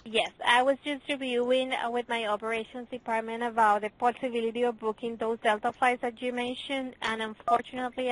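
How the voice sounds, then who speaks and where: A woman's voice: mid-range voice, a bit bright, rough recording. A woman working as an airline call center agent, talking with a customer in a service phone conversation.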